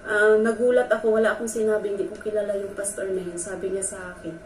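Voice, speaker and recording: A woman's voice: medium pitch, little pitch movement, quick pace, a little mellow. A woman vlogger telling a personal story, earnest and emotional, talking straight to her viewers. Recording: echoey room from a distance with faint noise.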